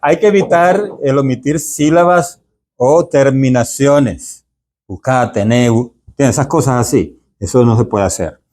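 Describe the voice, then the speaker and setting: A man's voice: unhurried, a little mellow. A middle-aged man with a Caribbean Spanish accent, teaching a workshop for church readers in a chatty way, often asking the group if they agree. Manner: chatty, asks the audience "¿de acuerdo?"; acts out examples with sudden pitch jumps. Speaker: deacon teaching a workshop for lectors. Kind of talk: informal teaching talk.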